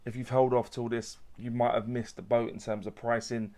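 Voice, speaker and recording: A man talks through a watch unboxing in a casual, chatty way. His voice sits at a middle pitch for a man, and his sentences wander with fillers and restarts as he handles the watch on camera. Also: level tone, normal speed, warm tone. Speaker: watch review host.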